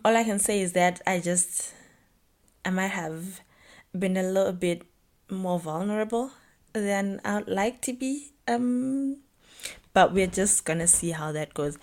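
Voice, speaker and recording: A young adult woman hosting a solo podcast, talking in a casual, candid way with plenty of fillers and asides. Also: lowish voice. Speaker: podcast host.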